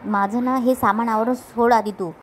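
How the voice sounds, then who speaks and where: A woman voicing a hot-tempered young husband who scolds bluntly, slow and raised. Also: fairly high pitch, steady tone, slight background noise, lightly acted, poor audio. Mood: mocking.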